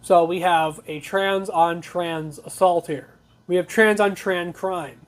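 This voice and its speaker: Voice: medium pitch, steady tone, slow. A talk show host giving blunt, conversational news commentary, reading reports aloud with opinionated asides.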